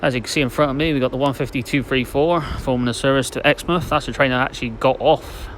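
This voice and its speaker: A man's voice: medium pitch, steady tone, fast talker. A man giving casual, matter-of-fact trainspotting commentary outdoors on a station platform, a little hesitant. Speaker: trainspotting video host. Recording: noisy outdoor station recording. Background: station and vehicle noise.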